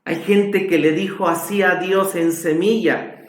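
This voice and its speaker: A male pastor delivers a sermon in a slow, deliberate cadence, pushing his voice up for emphasis on key phrases. His voice sits somewhat high for a man. The sound carries the echo of a church room. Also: fairly even intonation. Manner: slow, emphatic preaching with rising exclamations. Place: church hall.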